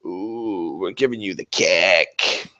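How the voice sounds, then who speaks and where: A man mimicking a sleazy male gamer who taunts his opponent in a low, hushed, lecherous purr. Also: slow pace, dull audio, exaggerated voice. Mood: leering.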